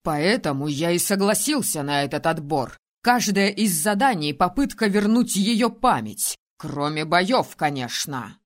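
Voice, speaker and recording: Woman voicing Alisdeir, an enraged hoarse male ruler. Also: fairly low pitch, lively intonation, measured pace, hardly any pauses. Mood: bitter. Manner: shouting, snapping, biting. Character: furious hoarse male ruler, centuries-old, volatile. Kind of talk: audiobook character voicing.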